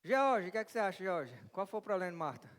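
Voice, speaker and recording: A male Brazilian pastor with a high voice delivers a lively sermon and keeps drawing the congregation in with questions and jokes. His voice rings with the long reverb of a church hall. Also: fast. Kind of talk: interactive sermon.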